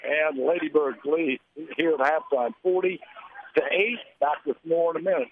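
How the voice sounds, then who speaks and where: A man's voice: fairly high pitch, steady tone, normal speed, slight background noise. An American man hosting a live radio sports broadcast, reading scores and statistics in a play-by-play commentary style over a narrow-band signal. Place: live from a high school tournament.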